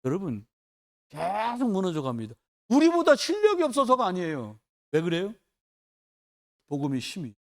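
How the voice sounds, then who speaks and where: Lively high-voiced male preacher. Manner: animated, colloquial storytelling with acted quotes. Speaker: pastor. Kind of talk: sermon. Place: church.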